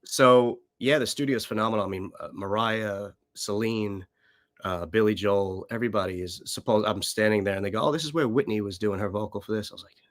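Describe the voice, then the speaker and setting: A man in his late thirties with a hoarse, worn-out voice, chatting casually as a musician guest in an interview. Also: fairly low pitch, brisk, fairly bright tone, no echo. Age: late 30s. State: voice worn out from gigging.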